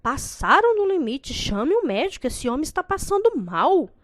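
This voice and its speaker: A woman's voice: sits high, sing-song, normal speed, a bit bright, no echo, studio quality, pitched above the performer's own voice. Woman voicing an exasperated indignant man. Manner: exasperated, commanding. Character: indignant older man at a wedding.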